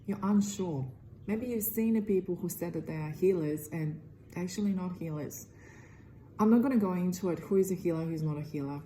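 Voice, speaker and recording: A middle-aged woman with a Croatian accent talks earnestly to camera about her healing work. Her voice sits low and mellow, and her English is loosely phrased. A faint hiss runs underneath. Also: brisk, low-quality recording. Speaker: energy healer. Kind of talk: direct-to-camera self-promotion.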